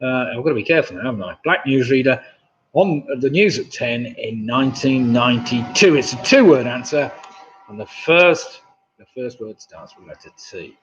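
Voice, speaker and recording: A quizmaster in his sixties hosts a live online pub quiz from a room at home, seated at his desk with a webcam mic. His medium-pitched voice has lively intonation and a moderate pace, and he chats and chuckles at viewers' jokes. The audio is dull and lo-fi, with slight background noise.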